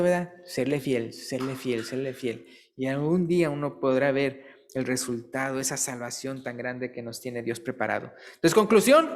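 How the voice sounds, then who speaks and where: A male preacher giving a relaxed, conversational sermon, asking the congregation questions and telling light jokes. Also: on the high side. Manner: chatty, asks listeners questions and tells jokes.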